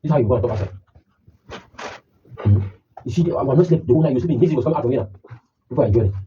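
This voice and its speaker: A man's voice: medium pitch, animated, racing, recorded from a distance, dull audio, slight background noise. A man, a father questioning his child bluntly in a family argument.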